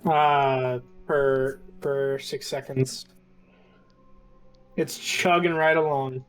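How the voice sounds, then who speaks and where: A man's voice: mid-range voice, fairly even intonation, very slow, faint music behind. A man playing in a tabletop game, upbeat and joking. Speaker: player.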